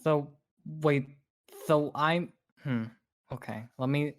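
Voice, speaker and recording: A woman dryly narrates what her character does in an actual-play tabletop game. Her voice is extremely low for a woman. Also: takes it slowly.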